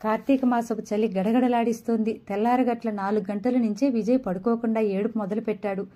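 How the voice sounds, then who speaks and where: Mellow-voiced woman narrating a novel. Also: a little high, steady tone, a little fast. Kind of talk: scripted narration.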